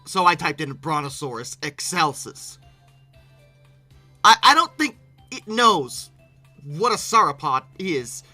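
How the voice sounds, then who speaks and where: A video creator hosts an informal, unscripted reaction commentary in a very bright, sharp, mid-range voice with music playing behind. He sounds exasperated and incredulous, animated with abrupt outbursts, and halts and repeats words when flustered.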